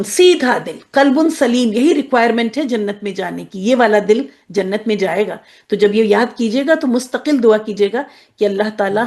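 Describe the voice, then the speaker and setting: Casting: slightly high-voiced woman teacher, patient, repeats terms slowly, checks in with her class. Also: mellow. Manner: checks in often with "okay?", drills words slowly. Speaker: Quranic Arabic teacher. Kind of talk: explanatory lesson to women students.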